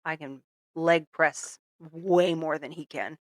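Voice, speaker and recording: A young woman with a lowish voice tells a story on a casual podcast, acting out quoted lines with lively swings. The sound is dry and close, with no room around her. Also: takes it slowly, no room sound. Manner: animated, acts out quoted voices with laughs. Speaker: podcast co-host.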